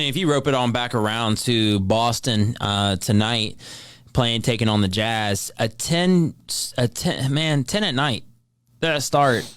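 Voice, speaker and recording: A man's voice: mid-range voice, no room sound. A man in his late twenties with a mid-range voice, recorded close and dry. He rambles and jokes his way through basketball talk on a casual podcast. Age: 20s. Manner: joking and rambling. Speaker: podcast co-host. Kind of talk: casual sports chat.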